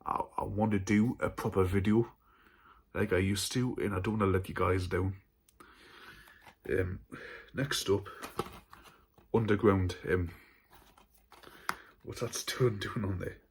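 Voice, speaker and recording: A man's voice: low voice, steady tone, measured pace, pauses often, a little hiss or hum. A man hosting a casual haul vlog about horror films, chatty and stumbling over his words at times. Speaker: horror film channel host.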